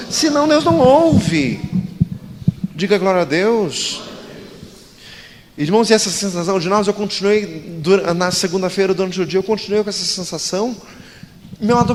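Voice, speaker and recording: A man preaching a fervent sermon in a church, calling out to his congregation again and again. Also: high voice. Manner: fervent exhortation with repeated calls to the congregation. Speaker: pastor. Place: church sanctuary. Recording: church sermon with long reverb and faint noise.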